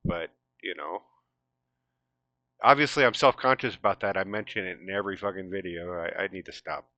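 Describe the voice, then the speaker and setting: A man's voice: low-pitched, fast, dry recording, lo-fi sound. A man with a lisp from missing teeth gives casual, sweary, self-deprecating commentary as he plays a video game. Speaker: gamer hosting a gameplay video. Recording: gunfire and game noise behind voice. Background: loud video game gunfire.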